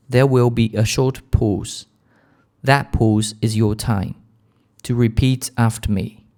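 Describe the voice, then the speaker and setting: A man with a British accent leading a shadowing lesson for English learners in a calm, gentle, clear manner. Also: on the low side. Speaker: English teacher.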